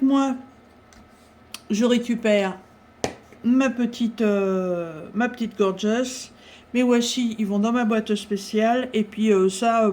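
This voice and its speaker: A woman chatting casually through a craft-supply haul, talking with many pauses and fillers. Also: fairly high pitch, darkish tone.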